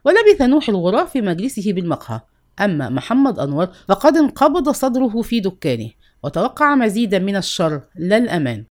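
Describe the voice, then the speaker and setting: Expressive woman reading a literary novel. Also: medium pitch, quick pace. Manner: expressive, voices dialogue within narration. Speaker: audiobook narrator.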